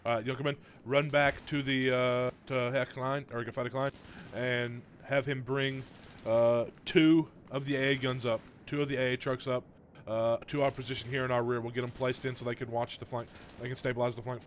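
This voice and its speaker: A man leading a squad in an online war game, giving brisk commanding orders over voice chat. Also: mid-range voice, level tone, a little hiss or hum.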